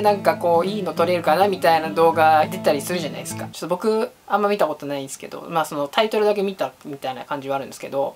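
Fast-talking young man chatting over music. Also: on the high side. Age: young adult. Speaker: vlogger testing an app. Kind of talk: casual chat to camera. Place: small home room with desk and acoustic foam. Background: background music with guitar.

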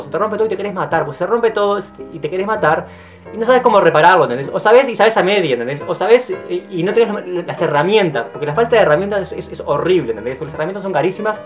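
Un hombre de veintitantos años con acento rioplatense, en un monólogo casual de vlog; habla muy rápido, efusivo y juguetón, se corrige y repite palabras, y a veces baja a comentarios suaves. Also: male voice. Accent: Rioplatense Spanish. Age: 20s. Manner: very fast, tumbling talk with restarts and repeated words; effusive and playful, often trailing into low, soft asides. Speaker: vlogger. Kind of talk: casual monologue to camera. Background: faint guitar music.

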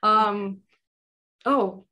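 A woman's voice: medium pitch, drawn-out words, bright, forceful tone. A woman in her late thirties from Russia speaks from her living room over a laptop webcam. She rambles loosely as a guest healer and keeps padding her sentences with fillers. Her tone is casual and conversational. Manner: rambling, full of fillers like "like" and "you know". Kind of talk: casual video-call interview. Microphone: laptop webcam on video call.

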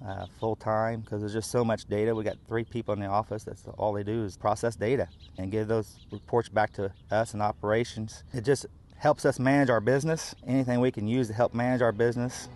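A man's voice: fairly low pitch, steady tone, fairly quick, darkish tone. A middle-aged man, a farmer speaking practically in an on-camera interview outdoors, with fillers. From United States.

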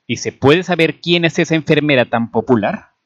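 A man's voice: medium pitch, animated, normal speed, dry recording, natural voice. A man reading aloud and voicing a stern, irritable army major who talks in an impatient, commanding way. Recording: dull lo-fi recording.

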